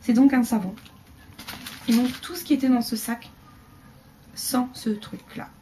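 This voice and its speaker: A woman chatting casually through a beauty haul video, rambling with fillers and dropping into quiet asides. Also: a little high, steady tone, unhurried, slight background noise. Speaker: beauty vlogger.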